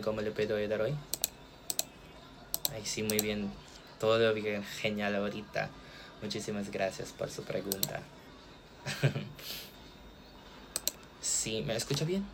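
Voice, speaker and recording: Polite, low-voiced bank agent man. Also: flat delivery, measured pace, pauses often, noisy background. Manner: polite and formal, with frequent thank-yous. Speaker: bank customer service agent. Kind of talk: role-played phone support call.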